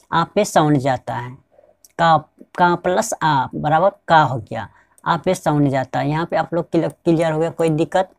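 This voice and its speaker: A woman's voice: lowish voice, creaky, warm tone, no echo, clean studio sound. A woman teaching pronunciation step by step, repeating each point and asking the viewers if they understand. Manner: repetitive, keeps asking the viewers rhetorical check-in questions. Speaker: spoken English teacher.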